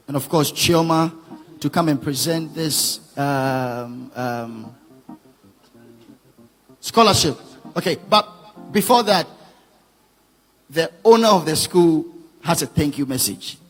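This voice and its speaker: A man hosting a conference, introducing guests in a loose, unscripted way with frequent pauses. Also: on the high side, long reverb tail, low-quality recording. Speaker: event host.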